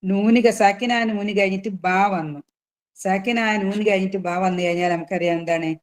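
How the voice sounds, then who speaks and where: A woman teaches a tajweed class at a medium pitch, patiently laying out the rules and questioning her students. She draws out her recited examples slowly.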